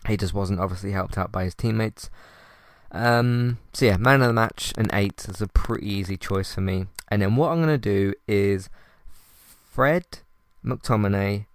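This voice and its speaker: A man with a calm, low, resonant voice discusses his recent episodes and match ratings on his solo podcast at a moderate pace. He's smooth and conversational but frequently restarts and trips over fillers; the recording is close and dry.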